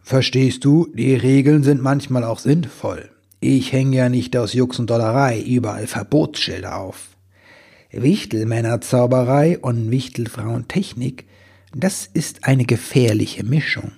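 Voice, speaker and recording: Man as a gravelly, fatherly storybook Santa, gentle and stern by turns. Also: measured pace. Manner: booming, then gentle and fatherly. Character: big stern but kindly Santa Claus.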